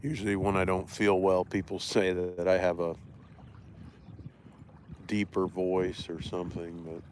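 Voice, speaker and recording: Outdoors beside a reservoir, a man chats on a fishing livestream in a rambling, self-deprecating way. His voice sits low and dark, with a level tone and measured pace, and he sounds slightly congested from allergies. A little hiss or hum runs under the audio.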